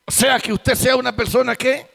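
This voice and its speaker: High-voiced preacher in echoing church. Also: male voice, little pitch movement, creaky, fairly bright tone. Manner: emphatic preaching with rhetorical questions and slow drawn-out stresses. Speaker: pastor. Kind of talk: sermon. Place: church sanctuary. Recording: long hall reverb in church.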